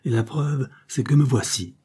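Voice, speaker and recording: A man's voice: mid-range voice, moderate pace, dark tone, husky, voice pushed up. A man reading an audiobook, voicing a cold, vengeful male captain who speaks with scorn. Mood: icy scorn. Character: icy vengeful male captain back from exile.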